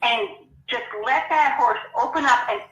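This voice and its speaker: A woman with a bright, fairly high voice answers interview questions in a frank, chatty way. She sits back from the microphone in an echoey room. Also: moderate pace, muffled recording. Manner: frank, chatty, laughs easily. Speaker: guest horse trainer. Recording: echoey, distant from the mic.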